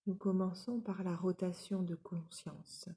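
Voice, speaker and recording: A woman with a lowish voice guides a yoga nidra relaxation as the instructor. Her instructions are calm, soothing and measured.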